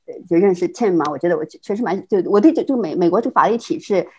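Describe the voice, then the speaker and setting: A middle-aged woman from China, a guest telling her life story in casual conversation, quick and full of restarts and laughs. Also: lowish voice, husky, lo-fi sound. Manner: fast, with many repeated words and restarts, frequent laughs. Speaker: interview guest.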